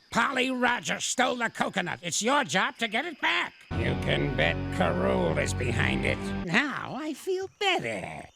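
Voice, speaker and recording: A man voicing a cranky old male ape in a cartoon, bossy and blustering, with a gravelly, crotchety voice. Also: high-pitched, heavily acted. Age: older. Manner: scolding, blustering, insult-hurling. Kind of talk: cartoon voice acting. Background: loud cartoon music.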